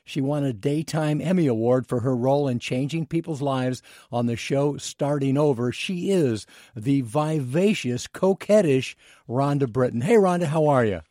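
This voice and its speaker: A man's voice: medium pitch, moderate pace, warm tone, no room sound, clean studio sound. A man co-hosting a radio talk show, introducing and interviewing a guest with enthusiasm. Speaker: radio co-host.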